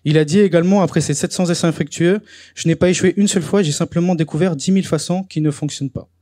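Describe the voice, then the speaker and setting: A man's voice: a little high, steady tone, fast talker, dark tone, no echo, clean studio sound. A young man hosting a talk event, speaking casually with frequent hesitations. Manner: chatty, hesitant, with many fillers. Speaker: event host. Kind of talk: presentation to a live audience.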